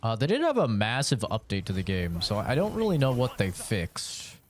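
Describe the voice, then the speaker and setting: Streaming a game, a young man with a lowish voice talks casually at a moderate pace, his pitch swinging widely as he rambles and curses in a relaxed manner.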